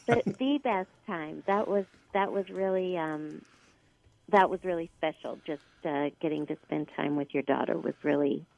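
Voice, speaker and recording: A woman chatting as a guest, friendly and halting with many fillers. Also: low-pitched, vocal fry, a little mellow. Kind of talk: casual interview chat. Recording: dull dry lo-fi audio.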